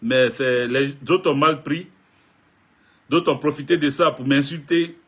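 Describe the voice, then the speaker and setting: A man's voice: a little high, measured pace, a bit bright, slightly rough. A man, a political video blogger, talking casually and jokingly straight to his viewers. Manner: joking, chatty, addresses viewers directly.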